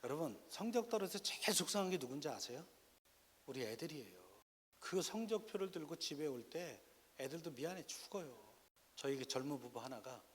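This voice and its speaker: A man's voice: medium pitch, slight background noise. A middle-aged male pastor lecturing parents in a church hall, telling stories and appealing directly to his listeners. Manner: lively storytelling with direct appeals to the audience.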